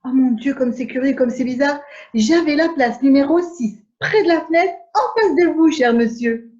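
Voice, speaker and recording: A woman playing a prim English lady in an absurdist stage scene, speaking in measured, repetitive exclamations of polite surprise over a video call. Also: high-pitched, lively intonation, a little mellow. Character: prim English lady, mildly astonished, formal. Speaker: amateur actor. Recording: dull echoey room audio.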